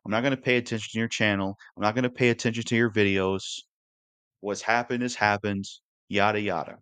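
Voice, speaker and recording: A man's voice: fairly low pitch, fairly even intonation, fairly quick, fairly bright tone, clear, resonant tone, no room sound. A man in his twenties talking earnestly to camera in a casual, repetitive way, with the odd curse. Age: 20s. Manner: earnest, repetitive, occasionally cursing. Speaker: YouTuber.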